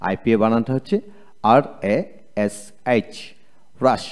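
A man's voice: medium pitch, steady tone, a little mellow. A man with a Bengali accent teaching English spelling in a video lecture, drilling each word letter by letter and repeating it. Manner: slow, repetitive letter-by-letter drilling.

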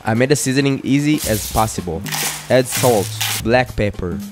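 A young man narrates a recipe in a calm, steady voice-over, walking through each step in order. His pitch sits at an ordinary middle level. Clear background music plays under his voice throughout. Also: moderate pace. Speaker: fitness cooking creator. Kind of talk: scripted cooking voice-over.

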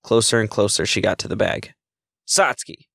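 Male storyteller, low pitch, gravelly tone, dry close sound. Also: fairly even intonation, fast talker, fairly bright tone, no echo. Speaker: narrator. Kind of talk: reading a story aloud.

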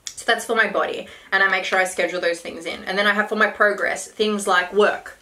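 A woman's voice: medium pitch, steady tone, a little fast, sharp tone, rough recording. A woman in her thirties chatting casually and giving health advice while eating at a table. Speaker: vlog host and health coach. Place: small room indoors at a table. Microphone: camera a short distance away. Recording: background noise, clinking cutlery and bowls.

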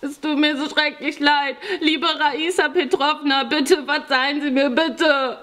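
A woman's voice: high voice, a little slow, fairly bright tone, pitched above the performer's own voice. A woman voicing a frightened fifteen-year-old boy thief who whimpers and pleads, in an audiobook reading. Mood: pleading.

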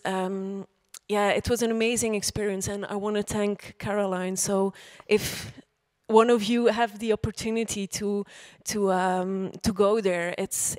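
A woman's voice: medium pitch, darkish tone. A woman from Belgium speaking from the audience, hesitant and enthusiastic with many fillers. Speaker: audience member. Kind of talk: audience comment.

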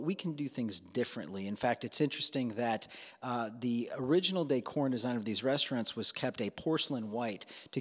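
An American man in his thirties hosts a podcast, presenting and discussing topics conversationally in a mid-range, slightly bright voice. He speaks into a close broadcast microphone on a boom arm in a small, dark indoor studio, and there's a long reverb tail.

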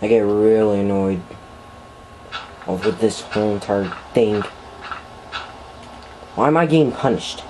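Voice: mid-range voice, a little slow, pauses often, warm tone, a little hiss or hum, poor audio. A let's-play commentator talking through a game, melodramatic and panicky, often repeating the same word in long strings. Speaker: gameplay commentator.

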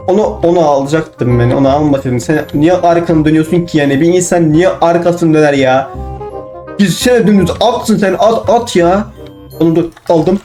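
Excitable young man commenting on a game. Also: a little high, moderate pace, soft background music. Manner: excitable, talks to himself, shouts and sings in bursts. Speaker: gaming channel host.

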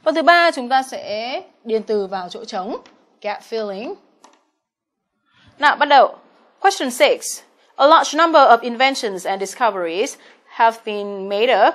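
A young adult woman teaching English exam answers, speaking Vietnamese and English words with a Vietnamese accent, patient and often checking in with her students. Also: on the high side. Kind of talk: exam answer walkthrough lesson.

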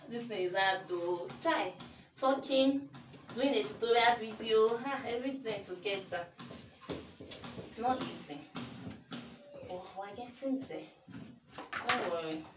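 Working through a baking tutorial in her small home kitchen, this Nigerian vlogger in her twenties chats casually and pokes fun at herself in a Nigerian accent. Her voice is on the high side with lively intonation, but she talks slowly with long pauses. The camera mic sits across the room, leaving the audio distant, echoey and noisy.

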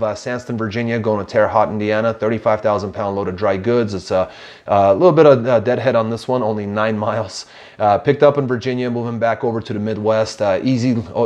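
Man, 30s, lower register, brisk business recap of load numbers with filler words, lapel mic in a small office, slightly muffled audio. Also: a little mellow. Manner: brisk, number-heavy delivery with frequent "uh" and "you know". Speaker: truck dispatch company host. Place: small office, indoors, seated in leather chair.

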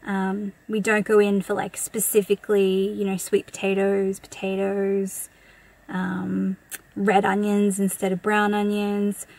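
A woman's voice: mid-range voice, completely flat delivery, unhurried, gravelly, a little mellow. An Australian woman in her thirties, chatting casually through a grocery haul and listing prices in a matter-of-fact way from inside a parked car. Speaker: vlogger.

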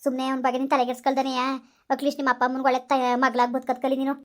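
A woman putting on a stern, lower-voiced female friend. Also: completely flat delivery, rapid-fire, lightly acted. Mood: stern lecturing. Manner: lecturing, scolding. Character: bossy female friend giving stern advice.

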